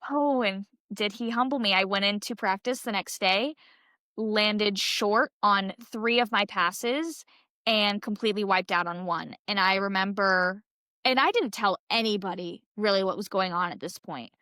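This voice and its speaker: Bright, crisp young woman telling a story. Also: mid-range voice, moderate pace, no room sound, studio quality. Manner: chatty, heavy use of "like" and "um". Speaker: podcast guest, college gymnast. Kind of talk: casual interview storytelling.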